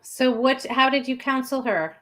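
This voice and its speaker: A woman's voice: high-pitched, normal speed, fairly bright tone. A woman co-hosting a live show as a meditation facilitator, chatting casually.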